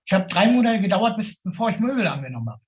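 A man with a high-pitched, sing-song voice talks fast and casually about his own life. He's a formerly homeless city tour guide giving plain-spoken, colloquial spoken testimony.

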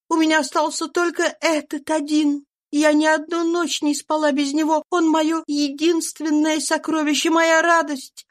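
A woman's voice: high voice, voice pushed up, close to an everyday voice. A woman voicing a desperate runaway mother. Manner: pleading, fervent, trembling with urgency.

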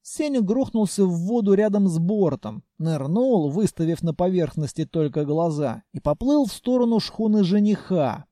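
High mellow male audiobook narrator. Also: normal speed, few pauses, dry recording, clean studio sound. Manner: lively storytelling, wry.

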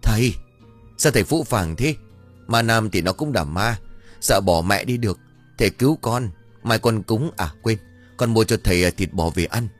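A man voicing a panicky, cowardly young village husband who shouts and pleads in a high voice. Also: animated, normal speed, soft background music. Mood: pleading. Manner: shrill, frantic yelling.

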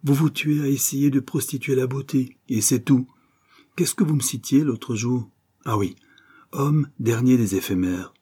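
A man voicing an ailing, cynical male poet who speaks with sardonic, emphatic outbursts in a husky voice. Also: medium pitch, measured pace, dark tone, voice pushed up. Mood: exhorting.

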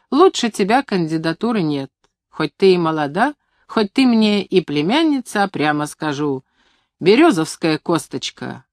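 A woman's voice: no room sound, clean studio sound. A woman reading as a pushy male station chief. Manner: pushy, insistent, booming with enthusiasm. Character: bossy middle-aged male farm station director.

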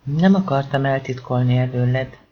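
A man's voice: mid-range voice, muffled recording, a little hiss or hum, lightly acted. A man voicing a harried, middle-aged male police chief with a dry, sarcastic way of talking in an audiobook. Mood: sardonic.

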